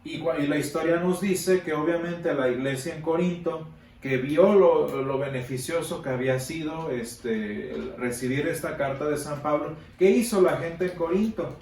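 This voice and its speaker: A man teaching a Sunday school Bible class, emphatic, repeating words for stress and pausing on fillers. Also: fairly high pitch, a little mellow. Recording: echoey room from a distance, faint background noise.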